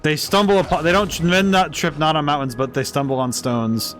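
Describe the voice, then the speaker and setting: A man's voice: fairly high pitch, steady tone, fairly quick, a bit bright. A man giving casual live game commentary as a streamer, enthusiastic and thinking aloud. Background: game music.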